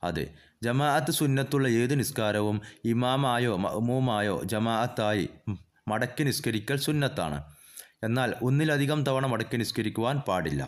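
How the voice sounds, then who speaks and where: A man reads numbered quiz questions and answers one after another. His delivery is steady and even, at a middle pitch. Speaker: quiz reader. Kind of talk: reading exam questions and answers.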